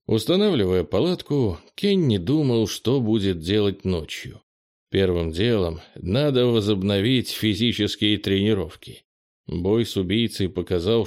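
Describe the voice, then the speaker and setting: A man reads a fantasy audiobook aloud. His delivery is even and steady, in a somewhat low voice. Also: no room sound, studio quality. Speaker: audiobook narrator. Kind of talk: audiobook narration.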